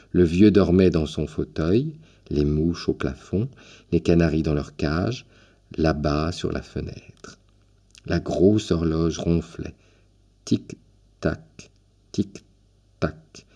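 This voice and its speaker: A man reads a classic story aloud in a deep voice, taking his time over every phrase. His tone is dark and mellow, with an expressive, storytelling delivery. He sounds like a seasoned audiobook narrator. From France. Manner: unhurried and expressive, lingering on descriptive phrases. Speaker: audiobook reader. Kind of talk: scripted literary narration.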